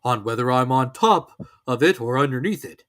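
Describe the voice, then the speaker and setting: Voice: medium pitch, animated, moderate pace, fairly bright tone, lightly acted. A storybook reader voicing a small, simple toy bear with a growly voice and an earnest, proud, slightly ponderous manner.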